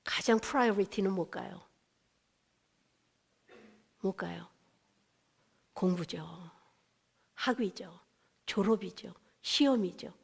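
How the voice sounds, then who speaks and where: A woman's voice: fairly high pitch, darkish tone. A woman pastor giving a conversational testimony sermon, asking the congregation questions and dropping English words into her talk.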